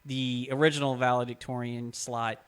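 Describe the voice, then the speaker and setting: A man's voice: medium pitch, little pitch movement, clean tone. Wry joking man co-hosting a podcast. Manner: wry, quick with jokes and short backchannel replies. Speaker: podcast co-host. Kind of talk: casual chat.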